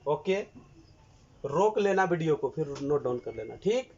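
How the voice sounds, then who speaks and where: A man's voice: fairly high pitch, lively intonation, a little slow, a little mellow. A male engineering teacher, dictating notes and coaxing his students with repeated questions. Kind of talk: classroom lecture dictating notes. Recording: dull lo-fi recording with faint hiss.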